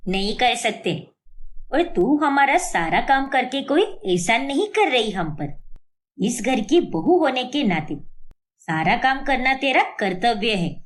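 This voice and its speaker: A woman voicing a shrill scolding mother-in-law. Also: very animated, a little slow, a little hiss or hum. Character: stern scolding mother-in-law, middle-aged. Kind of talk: cartoon story voice acting.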